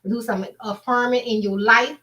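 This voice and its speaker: A woman's voice: fairly high pitch, fairly even intonation, normal speed, bright, forceful tone, distant mic. An American woman co-hosting a talk show in casual, encouraging, colloquial motivational chat, often saying "you know.".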